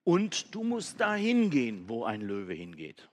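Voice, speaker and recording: A man voicing a clever, thoughtful male monkey who speaks brightly and eagerly. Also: medium pitch, measured pace. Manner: bright, excited, raised voice.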